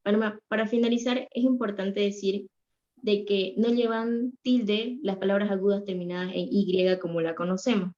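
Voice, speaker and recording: A woman's voice: mid-range voice, fairly even intonation, normal speed, dark tone. A woman student giving a class presentation, reading from slides with fillers and restarts. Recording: muffled lo-fi audio.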